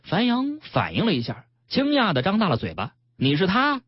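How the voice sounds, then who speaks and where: A man, hosting a radio health show and reading a story aloud with calm, expressive storytelling. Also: sits high, brisk, slightly rough, dry recording. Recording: dull radio broadcast.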